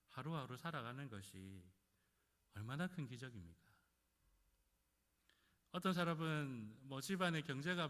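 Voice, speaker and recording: A man preaching a sermon, addressing the congregation with rhetorical questions and dramatic swings in volume. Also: a bit bright. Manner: dramatic rises and drops in pitch and volume. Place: church sanctuary. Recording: church hall reverb.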